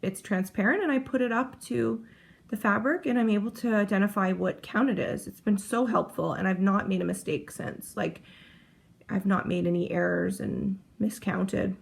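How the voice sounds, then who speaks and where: A woman's voice: mid-range voice, moderate pace, creaky. A woman chatting casually to camera about her cross-stitch project, rambling and often breaking off mid-sentence. She is heavily pregnant. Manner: chatty, rambling, self-interrupting.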